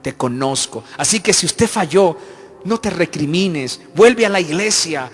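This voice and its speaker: A pastor preaching at a Bible study in a fervent, emphatic way, turning to others on stage. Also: male voice, on the high side, lively intonation, measured pace, husky. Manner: fervent, emphatic, acts out quoted voices. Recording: reverberant hall with faint music.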